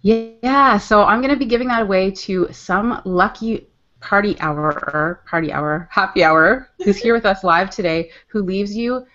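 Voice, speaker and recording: A woman's voice: mid-range voice, measured pace, fairly bright tone. A woman co-hosting a live online happy hour, explaining plans in an upbeat, chatty way. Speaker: co-host. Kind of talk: casual live webinar chat. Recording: dull lo-fi audio.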